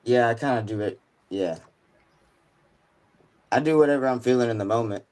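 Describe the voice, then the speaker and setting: Mid-20s dude, rambly and slangy, says like a ton, mid-pitched voice. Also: male voice, moderate pace, a little mellow, rough recording. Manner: rambling, slangy, full of "like" fillers. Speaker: musician guest. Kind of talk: casual chat.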